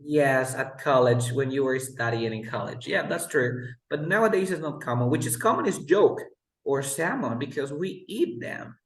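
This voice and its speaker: Man teaching English. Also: mid-range voice. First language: Spanish. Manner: patient, explains pronunciation slowly. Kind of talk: online one-on-one lesson. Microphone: video call. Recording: roomy echo.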